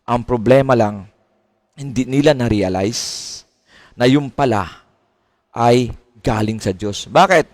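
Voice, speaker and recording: A man's voice: mid-range voice, takes it slowly, long pauses, dry recording. A middle-aged man preaching a sermon as a pastor, asking questions and mimicking complaints. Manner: preaching with rising questions and mimicked complaints, mixing English phrases.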